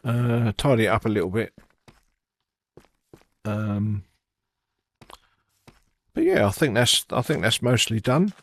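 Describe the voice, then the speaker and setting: A man narrating his own gameplay in a relaxed, casual way, thinking aloud with frequent fillers. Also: on the low side, slow, long pauses. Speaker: gaming channel host.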